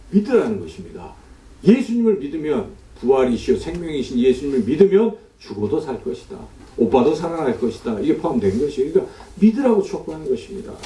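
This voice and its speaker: A male pastor delivers a sermon with a lively, rising and falling voice. His tone is dark and mellow. He sounds set back from the mic in an echoey church sanctuary. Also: medium pitch, far from the mic. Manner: explains scripture with rhetorical questions to the congregation.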